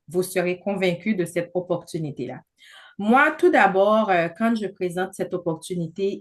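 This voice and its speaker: A woman in her thirties giving a persuasive business presentation over a video call, chatty, with many fillers. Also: fairly low pitch. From not from Canada.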